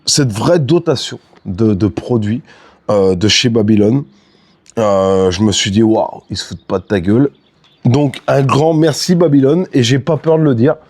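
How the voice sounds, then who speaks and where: A middle-aged man talks to his viewers outdoors by his boat, rambling through fillers and restarts in a relaxed, friendly way. His voice is mellow and darkish at a middling pitch, picked up cleanly on a clip-on wireless mic. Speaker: fishing YouTuber. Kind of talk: casual vlog chat.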